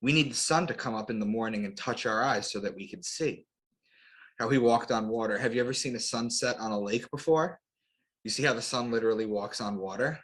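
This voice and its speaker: A guest author and astrotheologist delivers an explanatory lecture during an interview, using short declarative phrases and rhetorical questions. His mid-range voice is fairly quick and a bit bright.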